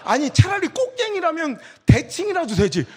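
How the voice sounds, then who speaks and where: Impassioned high-voiced male preacher. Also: huge pitch swings, moderate pace. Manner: impassioned, swings from shouting to hushed storytelling. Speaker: pastor. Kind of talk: revival sermon. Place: church hall at a youth retreat.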